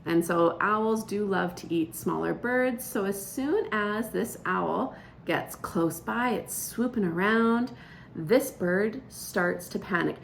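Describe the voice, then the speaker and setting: Gravelly-voiced woman teaching outdoor lessons. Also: mid-range voice, slow pace, slight background noise. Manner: lively, explanatory teacher talk. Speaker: outdoor educator. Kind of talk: instructional video for teachers.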